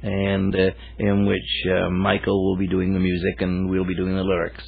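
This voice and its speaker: An older man from Wales with a gravelly, somewhat low voice. He rambles through relaxed anecdotes, pausing on fillers. The sound is narrow and phone-like. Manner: rambling, hesitant storyteller with many fillers. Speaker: songwriter guest.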